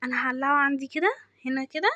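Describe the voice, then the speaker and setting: A woman's voice: high voice, very fast, no room sound, muffled recording. A woman playing a bubbly young Egyptian woman. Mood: excited. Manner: bubbly, excitable. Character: excited young woman, dutiful daughter.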